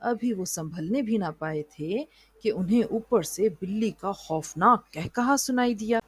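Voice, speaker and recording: A woman narrating a children's moral story in an even storybook reading style. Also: mid-range voice, a little slow, husky, no room sound, studio quality.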